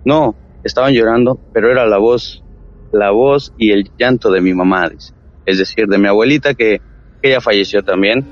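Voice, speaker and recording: A man telling a true ghost story from his family, in a casual, animated way, acting out what his relatives said. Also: fairly low pitch, normal speed, muffled recording. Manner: animated retelling with quoted voices.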